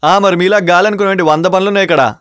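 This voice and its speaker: A man's voice: fairly high pitch, animated, fast, a bit bright, clean tone, no echo, studio quality. An actor playing an irritated young man complaining about being called on for errands, in a comedy web series.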